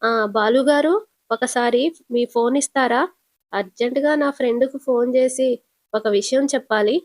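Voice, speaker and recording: A woman's voice: on the high side, a little mellow, natural voice. A woman voicing a sly young woman who answers defensively while scheming, in a retold serial episode. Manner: defensive, quick comebacks.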